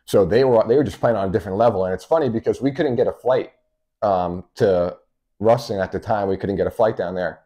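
A man's voice: fairly low pitch, fairly quick, warm tone. A young man, a baseball coach, telling stories as a podcast guest in a small studio, in a direct, chatty way. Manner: direct, storytelling, many fillers. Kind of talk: casual interview. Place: small indoor studio room.

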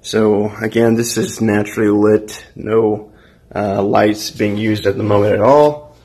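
Touring empty apartment rooms indoors, an American man in his 20s vlogs in a casual, laid-back way into a handheld phone at arm's length. He speaks in a fairly low, dark voice, unhurried and fairly even in intonation.

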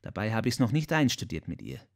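A man voicing an excitable, boastful older songwriter in an audiobook, chatty and quick to defend himself. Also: fairly low pitch. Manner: chatty, self-defending, emphatic. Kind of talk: audiobook character voice.

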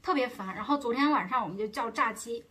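Woman, 30s, from China; vlogger storytelling, breathy and a little high, exasperated chat. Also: fast, fairly bright tone. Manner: chatty and exasperated, rising heat when retelling arguments. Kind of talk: casual storytelling to viewers.

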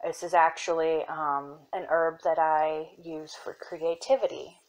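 A young woman casually showing her herb collection, soft-spoken and unhurried, with fillers and self-corrections that sometimes drop into a whisper. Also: low-pitched, fairly even intonation, rough recording. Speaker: apothecary shop owner. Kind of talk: casual show-and-tell.

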